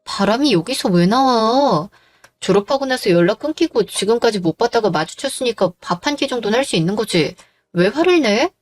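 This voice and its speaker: A woman's voice: a little high, expressive, a little fast. A woman voicing a tired young wife who defends herself against her husband's jealous accusations, in a dramatized story. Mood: defensive. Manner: defensive, weary, pleading.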